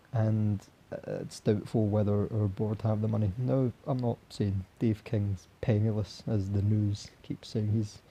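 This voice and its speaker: A young man speaks in a very dark, muted voice that is hoarse and giving out. It is husky and full of gravelly creak. He delivers a halting, resigned fan reaction, as if talking straight to his viewers. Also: medium pitch. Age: young adult. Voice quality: husky, raspy. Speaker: football fan vlogger. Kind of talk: solo post-match reaction talk.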